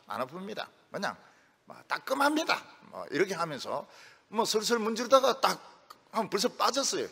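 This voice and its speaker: A middle-aged male pastor preaching a sermon in a lively, storytelling way, acting out the voices of people he quotes. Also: fairly high pitch, breathy edge. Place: church sanctuary. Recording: long reverb of a church hall.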